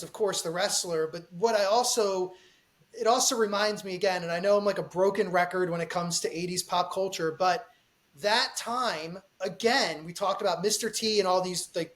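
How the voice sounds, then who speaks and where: Man, high-pitched voice, enthusiastic, podcast co-host, casual chat. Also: normal speed, fairly bright tone. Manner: enthusiastic pop-culture recollection.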